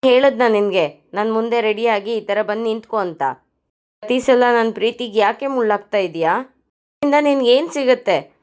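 A woman's voice: fairly high pitch, moderate pace, smooth, pitched above the performer's own voice, close to an everyday voice. A woman voicing a furious young man, harsh and accusing. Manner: harsh, accusing, shouting insults.

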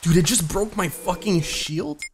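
A streamer giving live gameplay commentary, excitable, swearing constantly and breaking into laughter and yells. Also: medium pitch, measured pace, gravelly, a crowd in the background.

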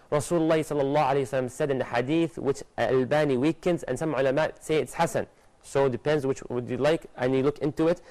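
A young man teaching religion on a TV program speaks to studio guests with animated gestures, racing through Arabic verses. His pitch is medium, and the lapel-mic recording from the studio is rough.

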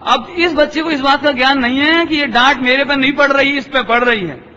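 A man's voice: very high-pitched, fairly quick, bright, forceful tone. A man giving a religious discourse, telling parables and asking the audience again and again whether they have understood. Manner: storytelling, checks understanding with rhetorical questions; acts out voices in anecdotes. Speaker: Jain scholar giving a discourse. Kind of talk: sermon with parables. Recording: dull, echoey lecture hall.

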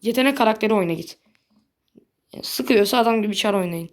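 A woman giving casual gameplay commentary in a blunt, slangy way, quick to get annoyed. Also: medium pitch. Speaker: gaming video creator.

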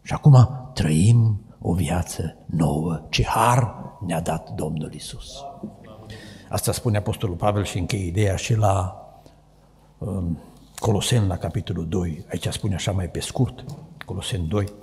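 A man with a Romanian accent preaching a sermon, telling stories and acting out the voices, swinging between loud and hushed. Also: deep voice, creaky. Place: church hall. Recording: echoey church hall.

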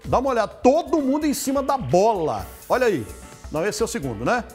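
Man, Brazilian accent, football pundit, excited, fast, lively intonation. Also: extremely high pitch, faint music behind. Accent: Brazilian Portuguese. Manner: animated, excited, talks over replays. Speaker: sports commentator. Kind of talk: studio match analysis. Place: TV studio.

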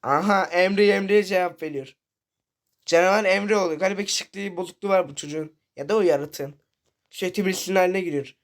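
A man's voice: high voice, quick pace. A man giving casual commentary over a horror game, reading and translating the characters' lines aloud and swearing freely. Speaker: gaming channel host.

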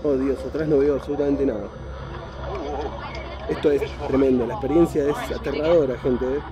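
A man's voice: mid-range voice, fairly even intonation, fairly quick, a crowd in the background. A young man with a Rioplatense Spanish accent giving jumpy, exclamatory let's play commentary to his viewers. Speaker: VR gaming YouTuber. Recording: voice over loud game music.

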